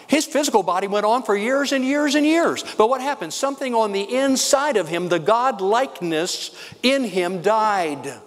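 An older man, a pastor, preaching a sermon with fast, excited emphasis. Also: high voice, big-room sound.

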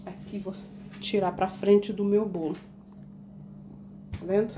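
A woman speaks slowly in a mid-range voice with fairly even intonation, and there's background noise. Decorating a cake in her home kitchen, she gives a casual baking tutorial, chatting with viewers, calling them "gente," and explaining every step.

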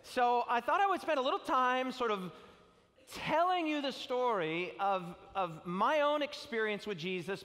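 Speaking through a headset mic on a big auditorium stage before an audience, a high-voiced man who lives in Australia but isn't from there preaches a sermon that begins with a prayer. He jokes and tells stories with lively, sweeping gestures, and the hall's long reverb carries faint music beneath him.

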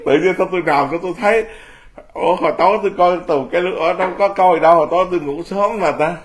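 A man's voice: high-pitched, quick pace. A man in his fifties, a Buddhist monk giving an informal talk, blunt and self-mocking, laughing often as he speaks.

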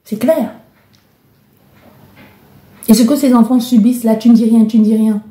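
A woman from Belgium gives a tarot guidance reading, addressing the listener directly, intense and full of restarts. Her voice sits fairly high but sounds very dark and mellow. The room around her rings with echo. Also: steady tone, normal speed. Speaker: tarot card reader. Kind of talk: spoken card-reading guidance. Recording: echoey room.

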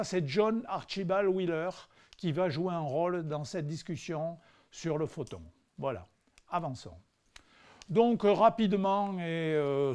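A man's voice: fairly high pitch, a little mellow. A man from France giving a public science lecture to a live audience in a lecture hall, conversational and hesitant, full of fillers and dry asides.

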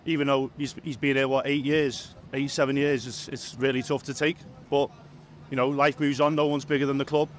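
A man's voice: medium pitch, flat delivery, brisk, hardly any pauses. A man giving his view as a football fan in a street interview. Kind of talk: street vox pop interview. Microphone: handheld interviewer's microphone. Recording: outdoor street noise in background.

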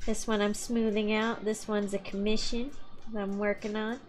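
Speaking at normal speed with a mid-range voice and little pitch movement, a thirty-something miniature painter co-hosts a live painting stream from her hobby room at home. She chats casually and laughs frequently, and a bit of hiss or hum sits under the recording.

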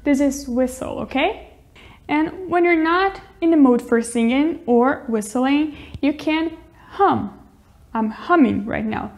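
High-voiced young woman teaching English. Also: expressive, takes it slowly, a little hiss or hum. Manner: cheerful, explains with little demonstrations. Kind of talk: casual teaching with acted demonstrations.

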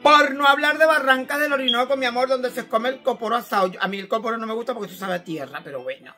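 Middle-aged Venezuelan woman, host, lively chat, brilliant ringing voice, soft music under her. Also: fairly high pitch, quick pace. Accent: Venezuelan, Caracas. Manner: animated and chatty, calls listeners "my love". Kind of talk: casual live chat. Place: indoor living room. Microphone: phone at arm's length.

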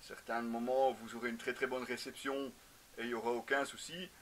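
A motorcycle gear reviewer in his thirties gives a casual product review to camera in an indoor garage with shelves. His mid-range voice is flat, fairly quick, and fairly bright, he hesitates often while explaining, and there's a little hiss or hum.

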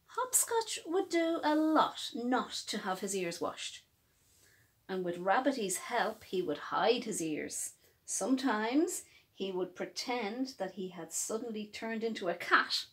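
Reading a picture book aloud for young children, a woman storyteller uses expressive, emphatic phrasing. Her pitch is fairly high and she reads slowly.

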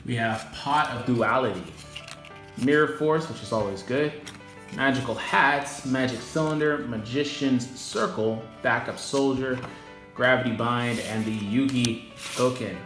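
A man talking through an unboxing in an easygoing, chatty way, rattling off long lists and apologizing for his setup. His voice rings with a noticeable echoey room sound, and clear music plays behind him. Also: mid-range voice, unhurried, fairly bright tone. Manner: casual, rattles off lists of names, apologetic asides. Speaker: YouTuber unboxing trading cards. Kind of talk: casual unboxing vlog. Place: indoor home room with echo.

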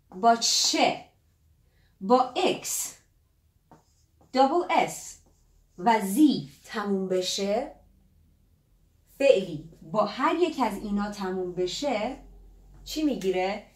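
Lively woman teaching English, echoey room. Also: medium pitch, far from the mic. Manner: lively, drawn-out English words. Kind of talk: explaining grammar at a whiteboard.

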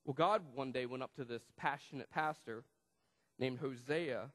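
A male pastor preaching a sermon in a church, swinging between loud, emphatic passages and hushed, quiet ones. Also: mid-range voice, moderate pace. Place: church sanctuary. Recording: long church hall reverb.

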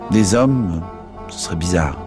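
A man reading the lines of a calm, rule-bound veteran sergeant in an audiobook, formal and matter-of-fact. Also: low voice, unhurried, over music.

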